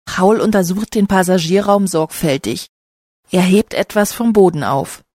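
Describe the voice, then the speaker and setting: A woman narrating a short story slowly and carefully, for language learners. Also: lowish voice, dark tone, no room sound, studio quality.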